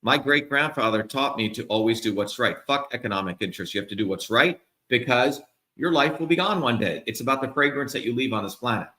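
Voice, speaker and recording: This middle-aged man speaks at medium pitch, a little fast, his voice pushed and bright against a reverberant backdrop. As a political candidate, he delivers a heated, emphatic, profanity-laced livestream rant to his supporters.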